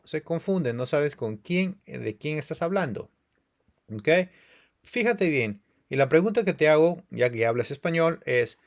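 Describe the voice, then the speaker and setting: A man teaching English grammar in Spanish, slowly repeating words and example sentences for his students. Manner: slow, drawn-out repetition of words with lively pitch. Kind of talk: online grammar lesson.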